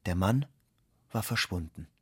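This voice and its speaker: A man narrating a novel in a measured, calm reading. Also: low voice, breathy edge, no room sound, clean studio sound. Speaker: audiobook narrator.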